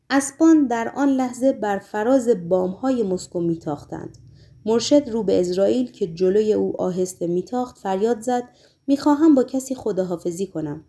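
A woman narrating a novel as an audiobook in a steady, measured storytelling voice that softens in descriptive passages. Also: mid-range voice, vocal fry.

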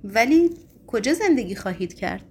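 A woman's voice: on the high side, big pitch swings, a little mellow, a little hiss or hum. A woman voicing a nervous male editor who humors a madman, stammering and placating, in a storybook reading.

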